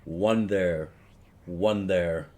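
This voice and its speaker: A man's voice: low-pitched, drawn-out words, warm tone. A man streamer reading a visual novel aloud, with casual, profane asides between the narration.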